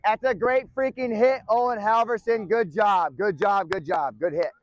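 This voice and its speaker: High-voiced football coach shouting commands. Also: male voice, moderate pace, highs cut off. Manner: commanding, encouraging, often shouting. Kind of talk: coaching at practice. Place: outdoor practice field. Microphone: wireless body mic.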